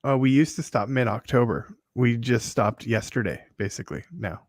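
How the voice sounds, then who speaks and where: A man's voice: medium pitch, normal speed, no room sound. Plain-spoken man, close dry sound. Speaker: podcast co-host, working photographer. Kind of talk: casual chat.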